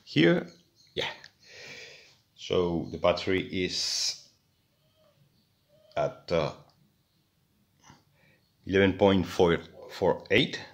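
Speaking in a low, gravelly voice, an electronics hobbyist is very animated as he explains a repair at his indoor workbench. He draws out words and leaves long pauses, sounding hesitant with plenty of fillers and restarts.

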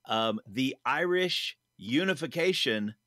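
Bright-voiced man chatting casually. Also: medium pitch, expressive, takes it slowly, no echo, studio quality. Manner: rambling, upbeat, full of fillers. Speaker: podcast co-host. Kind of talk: casual chat.

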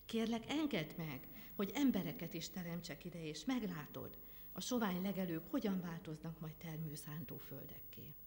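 A woman's voice: lowish voice, expressive. A woman doing a timid, pleading angel. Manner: soft, pleading. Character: timid, remorseful young angel. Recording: long hall reverb.

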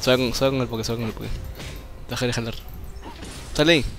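A man giving casual, excited commentary over a video game, swearing often and breaking into yells. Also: medium pitch, fast, slight background noise. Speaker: gameplay commentator.

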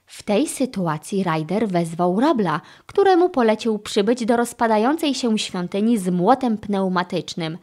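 A woman narrating a children's audiobook with expressive storytelling. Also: medium pitch, moderate pace.

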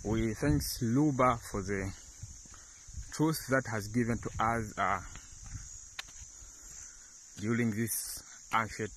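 A man's voice: lowish voice, steady tone, takes it slowly, pauses often, a bit bright, low-quality recording. A young Tanzanian man giving an earnest testimony with many fillers, filmed outdoors on a phone held close. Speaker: church member giving testimony. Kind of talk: selfie video testimony. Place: outdoors in rural countryside. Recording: outdoor insects and noise.

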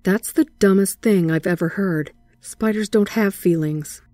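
A woman's voice: lowish voice, moderate pace, dark tone, husky, no room sound. A woman voicing an irritable teenage boy who complains and snaps, in a horror story reading. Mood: irritated. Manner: complaining, snappish.

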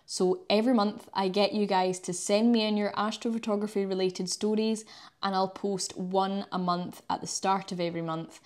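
This is a chatty, upbeat young woman from Scotland with a mid-range voice, hosting an astrophotography channel through an enthusiastic vlog and screen walkthrough. She drops in local words like wee and yous, speaking into a clip-on lapel mic in a small indoor room beside a coat rack.

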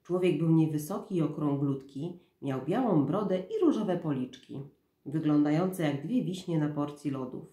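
A woman in her thirties, a mother reading a storybook aloud in a soft, measured, quiet voice. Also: low voice, lively intonation, roomy sound.

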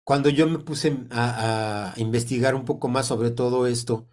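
A sound therapy teacher in his sixties, with a Mexican Spanish accent and a head cold, explains things informally over a video call from an indoor room, speaking haltingly with lots of deliberate pauses. Picked up by a computer mic, his medium-pitched voice is steady and a little mellow.

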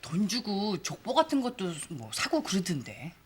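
A woman's voice: medium pitch, huge pitch swings, normal speed, slightly rough, full character voice. A woman playing a cheeky, scheming young adult daughter in a Korean TV family drama, talking in a casual, familiar way.

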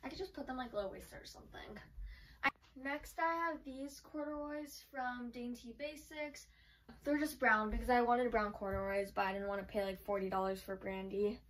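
A woman's voice: a little high, steady tone, moderate pace, recorded from a distance, poor audio. A woman vlogger chatting casually through a try-on haul, filling her talk with frequent "like". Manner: chatty, filler-heavy with frequent "like". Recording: voice from away from the mic.

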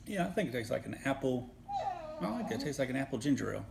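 A man's voice: medium pitch, big pitch swings, fast talker, creaky, noisy background. A man with an East Tennessee accent, tasting snacks in casual chat, joking and hunting for words. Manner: joking, rambling, hunts for words. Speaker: co-host taste tester.

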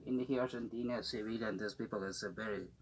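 A man speaking through a gas mask in halting, rambling non-native English, giving casual unboxing commentary as a vlogger. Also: on the low side, steady tone, a little hiss or hum, low-quality recording.

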